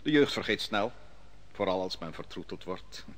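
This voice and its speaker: A male actor in an old Dutch radio play from the 1950s takes the role of a prophet-narrator, an adult exile recounting with solemnity his youth at a foreign king's court. His voice sits low, animated and a little bright, though the telling stays measured and solemn.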